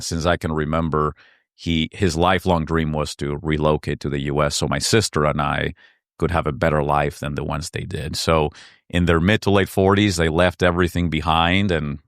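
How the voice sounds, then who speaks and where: A man's voice: rumbling low, no echo, clean studio sound. A man from Argentina whose first language is Spanish, telling his story in an earnest, reflective interview. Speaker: entrepreneur guest. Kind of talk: conversational interview.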